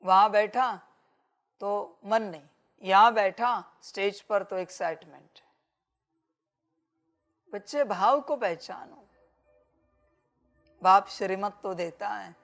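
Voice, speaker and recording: A woman giving a spiritual discourse as a teacher, admonishing her listeners and calling them children. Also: mid-range voice.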